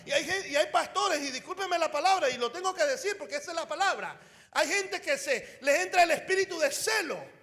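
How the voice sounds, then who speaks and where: A man preaching a fervent sermon as an evangelist at a conference, often shouting and calling out to the crowd. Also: very high-pitched, lively intonation, a little fast, in a large hall. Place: conference hall.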